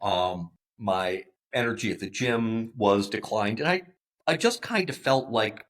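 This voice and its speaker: A man in his fifties, a podcast guest, speaking in a halting way with many fillers and restarts. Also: lowish voice, animated. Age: 50s. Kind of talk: conversational interview.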